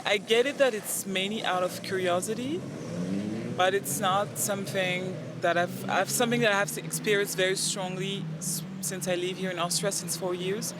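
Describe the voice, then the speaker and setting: Heavy background noise surrounds a woman's low-leaning voice. The speaker is a young woman from the Central African Republic, a native French speaker with a French accent, who guests on a casual interview, earnest and lively, acting out bits of conversation.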